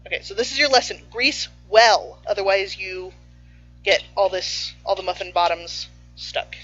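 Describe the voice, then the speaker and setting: Chatty woman baking, bright slightly muffled sound. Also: medium pitch, normal speed, dry recording. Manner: chatty and playful, talks with her mouth full. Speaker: baking show host. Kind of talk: casual cooking stream. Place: home kitchen. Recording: slightly muffled, faint music behind.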